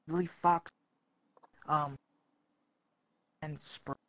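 A woman co-hosting a casual podcast chat over a remote call whose audio glitches and keeps breaking up, so her words come out halting and cut off. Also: low voice, fairly even intonation, fairly bright tone, dry recording.

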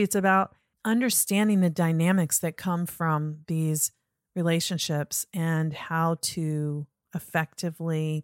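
A woman's voice: low voice, darkish tone, dry recording, studio quality. An American woman hosting a podcast in a conversational style, introducing and interviewing as she goes. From Norfolk, Virginia, United States.

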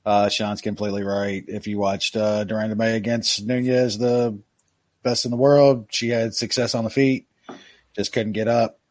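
A man's voice: lowish voice, level tone, moderate pace, a little mellow, no echo. A man co-hosting a casual sports podcast, giving his betting picks in a laid-back way. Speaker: podcast co-host.

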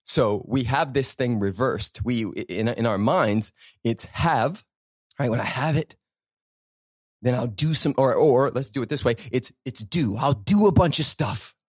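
Unhurried and mid-range in voice, a male spiritual self-help podcast host speaks off the cuff with preacherly emphasis, leaning on rhetorical questions and repetition in this motivational talk. The studio audio is clean, without any room sound.

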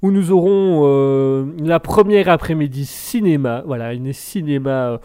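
A man hosting a live show in a loose, joking way, stopping and restarting his sentences often. His voice sits a little high for a man. He rambles as he reads out messages from the chat. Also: a little slow, dark tone, smooth. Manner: jokey and rambling, with many restarts. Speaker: live stream host. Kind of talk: casual live chat reading viewer messages.

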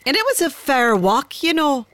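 For a radio drama, an Irish actress plays a countrywoman reminiscing about her gran, telling the tale in a chatty, confiding, folksy manner. Her voice is high, sing-song, and a bit bright, at a moderate pace.

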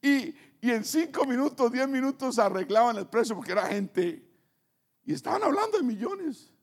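High gravelly preacher. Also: male voice, moderate pace. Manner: animated storyteller, swings from hushed asides to emphatic near-shouting. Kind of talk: sermon with personal testimony.

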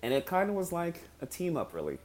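A man chatting casually about films, relaxed and measured, with many fillers. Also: a little high. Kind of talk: casual film discussion.

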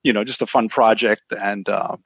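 A man's voice: on the low side, steady tone, moderate pace, vocal fry, husky, no echo, lo-fi sound. A middle-aged man with an American accent chatting casually as an interview guest, rambling and peppering his talk with filler phrases. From United States. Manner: rambling, frequent "you know". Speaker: interview guest, music industry lawyer. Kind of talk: casual reminiscing conversation.

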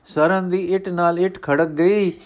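A man reading the lines of a revered guru father, solemn and declamatory in a steady manner. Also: sits high, a little slow. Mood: commanding.

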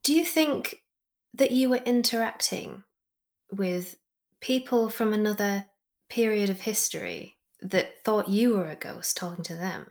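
A woman guest on a podcast, chatting casually and reacting eagerly, quick to laugh. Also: mid-range voice, darkish tone. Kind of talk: casual interview chat.

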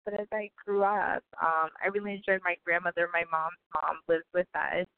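A woman's voice: lowish voice, fairly even intonation, normal speed, gravelly, clear, resonant tone, dry recording. A woman in her thirties from Guyana, a physician talking about her career as an interview guest, chatty with frequent laughs and ums. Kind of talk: casual interview answers. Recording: tinny phone-like line.

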